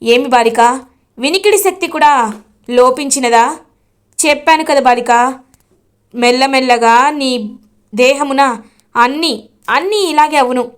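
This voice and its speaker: A solemn old spirit-scribe lectures in formal, old-fashioned speech. A woman narrator voices him in her own high register. The tone stays even and grave. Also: measured pace, long pauses.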